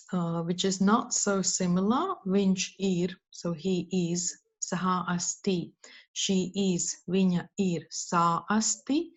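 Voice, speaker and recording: A woman giving an academic presentation, speaking slowly and carefully with frequent uh and um fillers. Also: on the low side. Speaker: lecturer. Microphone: video call. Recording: dull, lo-fi online talk.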